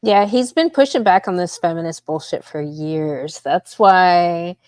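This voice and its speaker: A woman co-hosting a casual reaction stream, soft-spoken and blunt. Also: on the low side, measured pace, smooth, no echo. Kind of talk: casual chat.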